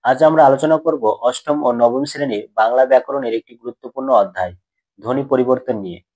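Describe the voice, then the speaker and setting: Man, teacher type; slightly husky, steady middle pitch, dry recording; drills students with rhetorical questions. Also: fairly quick, dry recording, poor audio. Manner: asks questions then answers them himself, repeats key points. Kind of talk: grammar lesson for school students.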